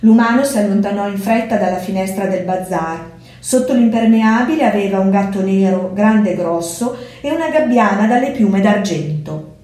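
A woman, a preschool teacher, reading a storybook aloud in a clear, measured way. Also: medium pitch, mellow. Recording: very echoey room.

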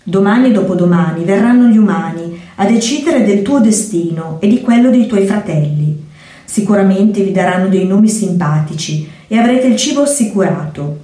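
Woman reading a serious mother cat, earnest and caring, mellow voice, echoey room. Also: medium pitch, expressive, moderate pace, close to an everyday voice. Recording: echoey room, far from mic.

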